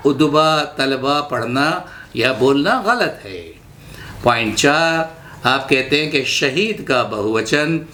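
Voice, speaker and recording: A man with a Nagpur accent teaching Urdu pronunciation, saying each word slowly and repeating it with care. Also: medium pitch, a bit bright, a little hiss or hum. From India. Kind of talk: slow instructional talk.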